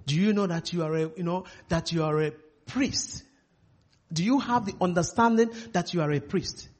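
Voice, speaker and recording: A man's voice: high-pitched, moderate pace. A man preaching a sermon line by line for an interpreter, emphatic, repeating phrases and leaning on filler words.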